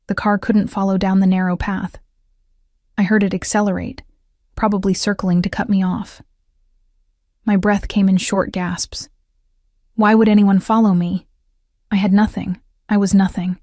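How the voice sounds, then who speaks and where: Flat-toned woman narrating an audiobook. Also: medium pitch, dry recording, clean studio sound. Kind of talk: first-person romance audiobook narration.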